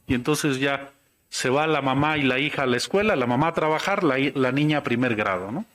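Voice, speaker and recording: A man giving an academic conference talk, measured and explanatory. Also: mid-range voice, a bit bright. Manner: measured, explanatory, tells anecdotes. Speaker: lecturer.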